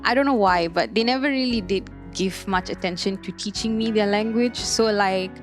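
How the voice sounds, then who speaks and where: A woman's voice: medium pitch, normal speed, faint music behind. Chatty young woman. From Malaysia. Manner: chatty, frequent filler "like", restarts. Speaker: panel guest. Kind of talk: casual panel discussion.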